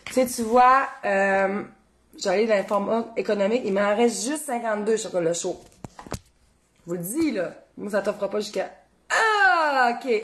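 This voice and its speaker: A woman with a Québécois accent hosting a live cooking stream, her voice sitting a little on the high side. She chats loosely and expressively, talks straight to her viewers and reads their comments aloud. She drops casual swears as she goes. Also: fairly bright tone. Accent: Québécois French. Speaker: cooking show host. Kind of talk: casual livestream chat.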